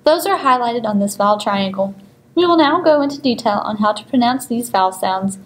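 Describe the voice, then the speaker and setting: A woman reading a scripted pronunciation lesson in a clear, measured way. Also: on the high side, expressive, slight background noise. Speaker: language instructor.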